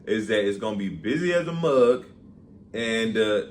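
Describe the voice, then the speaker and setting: Easygoing young man with a lowish voice. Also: expressive, normal speed. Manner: easygoing, laughs along, slangy. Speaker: podcast co-host. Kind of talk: casual chat. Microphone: phone. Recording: faint ambient noise, phone mic.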